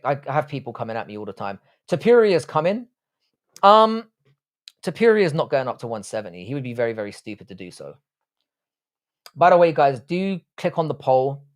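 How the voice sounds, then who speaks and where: A man in his thirties with a London accent, hosting a live stream and answering viewer comments in a blunt, profane, joking way. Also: medium pitch. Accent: London English. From Ireland, raised in southwest London. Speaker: livestream host.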